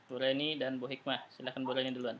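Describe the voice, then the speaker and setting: Male arabic ustaz w indonesian accent, bright sound, patient corrections. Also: mid-range voice, completely flat delivery, fast talker. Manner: patient, models phrases with rising question tones. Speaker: Arabic teacher. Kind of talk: online class correcting reading practice.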